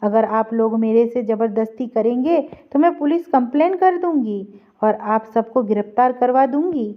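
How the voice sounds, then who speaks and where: A woman's voice: fairly high pitch, lively intonation, normal speed, natural voice. A woman reading as a defiant young bride. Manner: firm, resolute. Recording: dull lo-fi recording.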